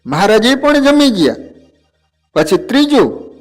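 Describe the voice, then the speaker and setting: A man's voice: very high voice, big pitch swings, measured pace. A man narrating a devotional story as preacher, speaking to his listeners as devotees. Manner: addresses listeners as devotees, does character voices.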